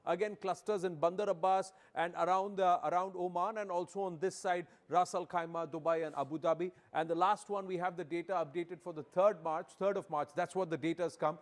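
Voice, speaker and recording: A male news host with a North Indian accent, presenting live and giving brisk, repetitive directions in short phrases. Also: high voice, steady tone.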